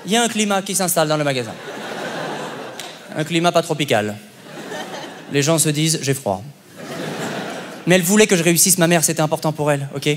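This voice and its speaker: A man's voice: a little high, animated, fast, noisy background. A young man doing stand-up comedy on a festival stage, punchy and conversational, with live audience laughter. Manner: punchy, conversational, often checks in with "ok?". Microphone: stage microphone. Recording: long hall reverb, live audience. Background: audience laughter and applause.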